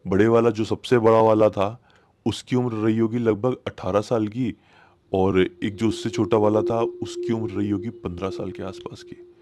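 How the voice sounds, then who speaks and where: Speaking in a lowish voice at normal speed, a man informally retells a horror story with conversational drama. He addresses his listeners directly, stays animated throughout, and repeats phrases to heighten the suspense.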